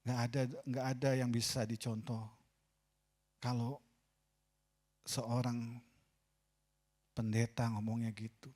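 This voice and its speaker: A man with an Indonesian accent preaching a sermon as pastor in a church, swinging between loud, mocking asides and quiet, confessional lines. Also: medium pitch, level tone, takes it slowly, pauses often. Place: church sanctuary. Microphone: pulpit microphone.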